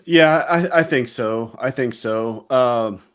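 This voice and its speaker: A man's voice: mid-range voice, slow, smooth. A middle-aged man from West Virginia, a retired soldier and interview guest, talking candidly and reflectively in a loose casual way. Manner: reflective and candid, loose with fillers like "you know".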